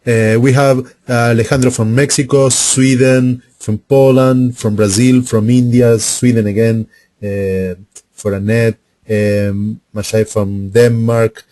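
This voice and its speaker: A man hosting and moderating an online webinar through a computer mic, speaking haltingly with fillers and repeated starts. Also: mid-range voice, little pitch movement, mellow. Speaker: webinar host. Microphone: computer mic on an online call.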